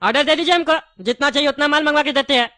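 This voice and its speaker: A woman's voice: high-pitched, pushed and bright, no echo, studio quality. A woman voicing a chatty, wary male candy shopkeeper in a cartoon. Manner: chatty, wary, quick to take offence. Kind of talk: cartoon voice acting.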